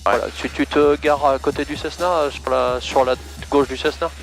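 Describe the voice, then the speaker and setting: A man coaching a student pilot in a small plane's cockpit over a headset intercom, calm, encouraging and casual. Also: medium pitch, moderate pace, gravelly, faint music behind. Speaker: flight instructor. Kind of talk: in-flight coaching.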